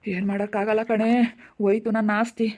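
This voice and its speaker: A woman's voice: mid-range voice, level tone, normal speed, darkish tone, natural voice. A woman, acting a grieving middle-aged farm woman who keeps lamenting her lost land in a village family drama. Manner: lamenting, repetitive pleading speech.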